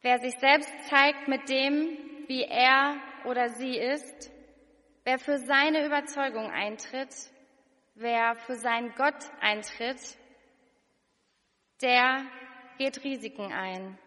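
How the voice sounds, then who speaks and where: Woman preacher, slow and earnest, bright voice, long hall reverb. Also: high-pitched, fairly even intonation. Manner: slow, earnest, questioning the listener directly. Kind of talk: sermon with scripture reading.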